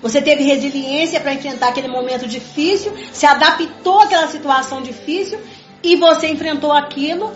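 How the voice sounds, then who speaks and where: Speaking fairly quickly, a high-voiced woman talks earnestly and emphatically about her faith, returning to the same ideas and repeatedly addressing her audience as "gente." It's a conversational religious talk captured in an echoey room, and the audio is muffled and dull over quiet background music.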